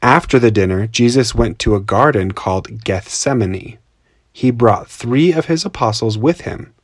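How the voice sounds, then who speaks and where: A man's voice: medium pitch, lively intonation, moderate pace, dry recording, clean studio sound. A man co-hosting a children's storytelling podcast, explaining things in simple terms, recorded at home without a proper mic. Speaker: podcast co-host.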